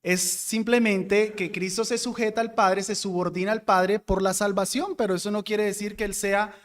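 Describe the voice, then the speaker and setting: High-voiced man teaching Bible class. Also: level tone, normal speed, a bit bright, long reverb tail. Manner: explanatory, asks the class questions and answers them.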